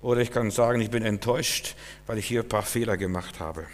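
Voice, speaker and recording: A male preacher giving a sermon, speaking straight to his listeners and swinging between hushed and loud, emphatic lines. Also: lowish voice, a little fast, big-room sound.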